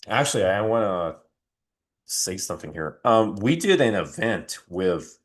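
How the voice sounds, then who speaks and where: Deep-voiced rambling, profane man. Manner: rambling, profane, frequent restarts. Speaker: channel host. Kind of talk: casual livestream commentary.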